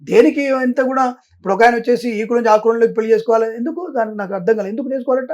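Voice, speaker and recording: Rapid, high-voiced, insistent man. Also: darkish tone, lo-fi sound. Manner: emphatic, insistent, repeats "I" for stress, mixes in English. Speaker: Vedic astrologer guest. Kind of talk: interview answers.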